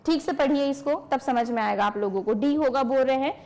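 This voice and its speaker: A woman's voice: high voice, fairly quick, a little mellow. A woman teacher giving an exam-prep lecture to an online class, explaining by asking questions and answering them herself, and answering students by name.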